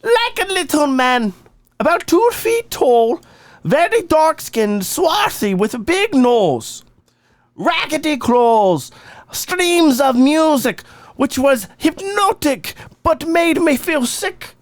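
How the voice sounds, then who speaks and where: A man voicing an older Irish woman who slowly and earnestly tells of her encounters with fairies, in a put-on Irish accent. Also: very high voice, sing-song, no echo, voice pushed up, heavily acted. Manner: slow, earnest storytelling. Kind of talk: dramatic reading of listener stories.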